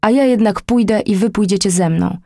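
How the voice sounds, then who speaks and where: A reckless, hot-headed boy from a storybook, brash and impatient, as a woman reader puts him on. The voice is husky and sits close and dry. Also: mid-range voice, unhurried, dry recording. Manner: brash, impetuous.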